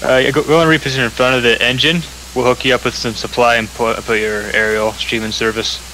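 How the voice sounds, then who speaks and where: A man's voice: mid-range voice, level tone, fast talker, sharp tone, low-quality recording. A man playing incident commander in a firefighting game, speaking in terse police-radio style. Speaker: fire incident commander in a role-play game. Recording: faint hiss behind voice.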